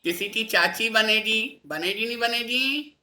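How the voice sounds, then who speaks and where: A man from India teaches a class in a bright, ringing, rather high voice, speaking unhurriedly. He keeps checking on his pupils with little tag questions, easily coaxing answers out of them in this classroom lesson.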